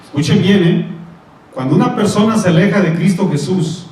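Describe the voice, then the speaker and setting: A man's voice: high-pitched, moderate pace, a little mellow. A male pastor preaching a sermon, reading Bible verses and asking his congregation questions. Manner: reads scripture aloud and asks the congregation questions. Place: church. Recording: very echoey church room, mic at a distance.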